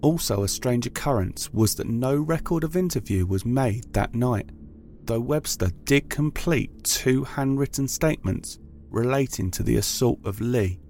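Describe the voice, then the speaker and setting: A man's voice: mid-range voice, animated, measured pace, darkish tone. A man reading scripted true-crime narration in a formal, factual manner.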